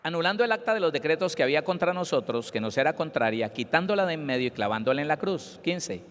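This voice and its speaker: A man's voice: fairly high pitch, animated, fast, fairly bright tone. An emphatic pastor preaches a Bible study in a slightly raised voice. He acts out the people he talks about. His voice rings out with a long reverb in a hall.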